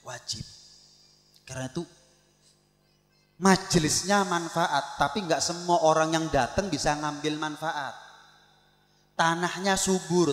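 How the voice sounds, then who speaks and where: A man preaching a religious sermon, telling stories with animated voices for the people in them. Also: on the high side. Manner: animated storytelling, acts out shouted calls. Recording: echoey hall with long reverb.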